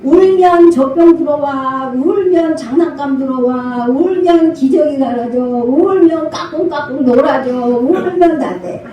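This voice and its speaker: An older woman pastor preaching a sermon, animated, acting out parent and child voices and laughing often. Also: sits high, measured pace, hardly any pauses, dull audio, a little hiss or hum. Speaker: senior pastor. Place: church sanctuary. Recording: echoey church hall from far off.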